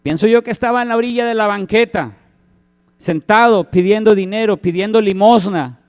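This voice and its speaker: High-voiced man preaching a dramatic sermon. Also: moderate pace. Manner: dramatic preaching, acts out cries and quoted voices. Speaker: pastor.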